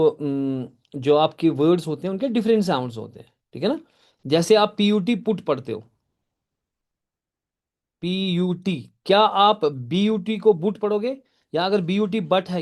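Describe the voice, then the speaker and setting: A man's voice: sits high, darkish tone. A male teacher lecturing a live class, explaining step by step, often checking that students follow, and praising their answers. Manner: addresses students by name and answers their typed questions.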